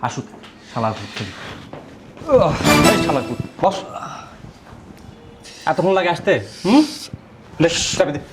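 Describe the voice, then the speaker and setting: A man's voice: on the high side, sing-song, measured pace, long pauses, loud music behind the voice. A man playing an annoyed young friend who scolds and swears. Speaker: flat owner friend.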